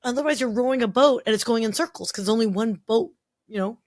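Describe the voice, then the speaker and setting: A woman's voice: on the high side, fast talker. A middle-aged woman co-hosting a podcast, telling stories in a chatty way with frequent restarts. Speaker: podcast co-host. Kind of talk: casual chat.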